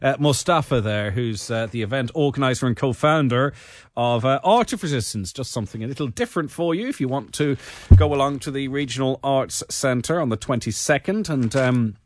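A man hosting a live radio interview, chatty and relaxed with some fillers. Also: mid-range voice, a little fast, dry recording. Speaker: radio host.

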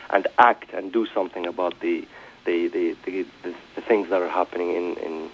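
A man's voice: low-pitched, steady tone, moderate pace, slight background noise, low-quality recording. A man from Palestine, an event organiser guesting on a radio interview, speaking earnestly and with passion, often restarting his phrases.

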